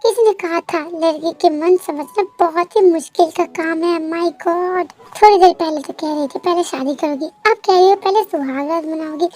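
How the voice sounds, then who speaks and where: A woman's voice: very high-pitched, moderate pace, hardly any pauses, darkish tone. A woman voicing a doting young husband who sounds exasperated but affectionate in a fan story.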